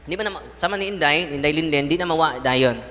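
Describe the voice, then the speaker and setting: A Cebuano-accented priest preaches a lively, playful sermon at a quick pace, acting out the voices in his stories and laughing as he goes. His bright, forceful voice carries and sits a little high for a man. It rings with the long reverb of a large hall.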